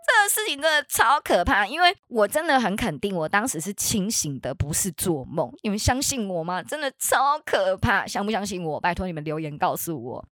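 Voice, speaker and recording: A young woman with a Taiwanese Mandarin accent, hosting a podcast and telling ghost stories casually from her bedroom, with dramatic jumps into high, excited exclamations. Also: fairly quick, few pauses, no room sound. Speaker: podcast host. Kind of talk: casual storytelling.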